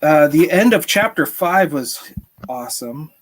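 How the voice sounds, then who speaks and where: Expressive and measured, this man's fairly high voice carries a casual live stream he's hosting in his thirties. Over a video call from a small sloped-ceiling room indoors at home, he chats with viewers and keeps chuckling.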